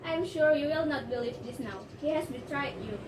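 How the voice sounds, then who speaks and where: A woman's voice: high voice, a little fast, natural voice. Girl doing angry king dad, indonesian accent, bossy, far and echoey. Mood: stern. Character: stern middle-aged male king, angry father. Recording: echoey room, distant mic, noisy.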